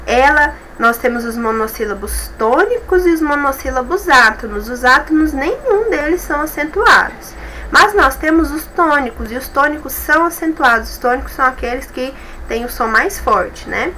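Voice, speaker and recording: A Brazilian Portuguese-speaking woman teaches a review class with a bright, clear voice set a little high. She explains step by step and keeps checking in with her listeners. A faint hum of background ambience sits under her voice. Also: expressive, normal speed, poor audio. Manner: patient, explanatory, checks in with tags like "certo?" and "tá bom?". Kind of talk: online class review lesson.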